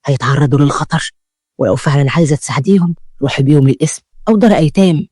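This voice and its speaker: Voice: medium pitch, very fast, warm tone, no echo, studio quality, lightly acted. A storyteller with an Egyptian accent voicing a stern older man who scolds a young woman. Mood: scolding. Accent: Egyptian Arabic.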